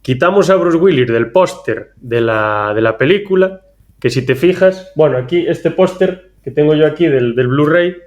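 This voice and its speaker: Man, casual film chat, rambling anecdotes, mid-pitched voice. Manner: rambling, anecdotal, frequent restarts. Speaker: film podcast host.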